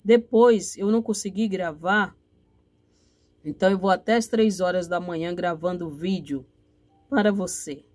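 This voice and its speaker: A woman with a Brazilian accent doing a direct-to-camera tarot reading, affectionate and motherly, often tagging her phrases with a quick "tá?" and giving preachy advice with blessings. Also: lowish voice, a little mellow. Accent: Brazilian Portuguese. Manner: affectionate, repetitive, ends phrases with "tá?". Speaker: tarot card reader.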